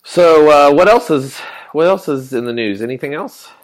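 A man's voice: fairly high pitch, animated, moderate pace. A man co-hosting a casual comics news podcast, mostly giving short agreeing replies. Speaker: podcast co-host.

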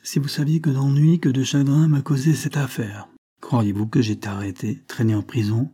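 A man gives voice to a grieving figure, once accused of a killing, who speaks in heartfelt, tearful tones. The voice is mellow and husky, sorrowful rather than loud. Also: medium pitch, fairly even intonation, moderate pace, close to an everyday voice. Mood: distressed. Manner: heartfelt, mournful, tearful pleading. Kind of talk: audiobook reading of a novel.

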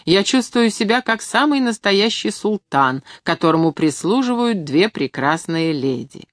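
A woman voicing a charming, flirtatious gentleman who teases playfully in a storybook reading. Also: medium pitch, very animated, unhurried, no room sound, clean studio sound, pitched above the performer's own voice. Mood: teasing. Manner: playful, teasing.

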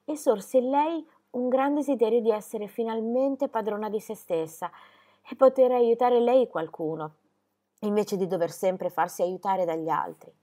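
A woman reading a children's novel aloud with expressive storytelling. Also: a little high, moderate pace. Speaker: reader. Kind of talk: audiobook narration.

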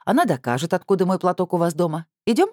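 A woman's voice: on the low side, very animated, fast talker, no echo, studio quality, pitched above the performer's own voice. A woman playing a sly, mocking heroine. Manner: bright, teasing, raised voice. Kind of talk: audiobook character voice.

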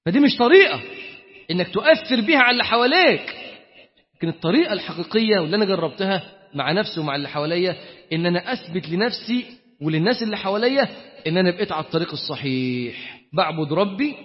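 Fast, high-voiced Egyptian preacher. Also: male voice. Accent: Egyptian Arabic. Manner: animated, emphatic, swings between loud and quiet. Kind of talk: colloquial sermon. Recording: dull lo-fi sound with long hall reverb.

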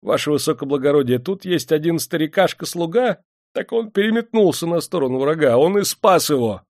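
Brief: man voicing a groveling clerk, shrill and high, wails and begs, dry close read. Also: lively intonation, brisk, no echo. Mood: fawning. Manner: pleading, wailing. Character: terrified tearful male clerk, groveling.

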